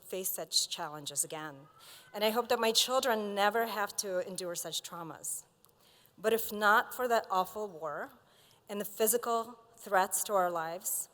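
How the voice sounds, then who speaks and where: A woman in her forties from Azerbaijan, giving an earnest, measured commencement speech. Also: medium pitch, a bit bright. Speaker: commencement speaker. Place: large hall. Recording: long hall reverb.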